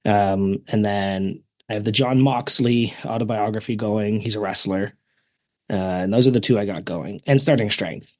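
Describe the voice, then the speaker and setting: A man's voice: on the low side, normal speed, darkish tone, dry recording, clean studio sound. A man in his thirties with a Canadian accent, a podcast host chatting in an earnest, reflective way. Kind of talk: casual chat.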